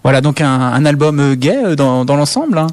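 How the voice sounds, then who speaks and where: Halting male radio host, dry studio. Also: a little high, dry recording. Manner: halting, full of fillers and tag questions. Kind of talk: live radio interview.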